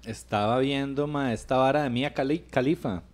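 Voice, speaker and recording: A man's voice: medium pitch, moderate pace. Slangy Costa Rican man bantering. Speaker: podcast co-host. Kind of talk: casual chat.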